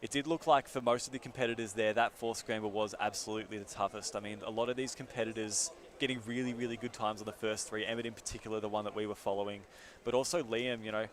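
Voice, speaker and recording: A man's voice: on the low side, steady tone, quick pace. A man commentating a live competition in a chatty, joking way with plenty of slang.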